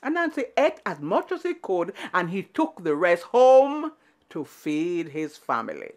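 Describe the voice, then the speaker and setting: A woman tells a tale to children in an animated, dramatic style, building tension through repetition and pauses. Her voice sits on the low side.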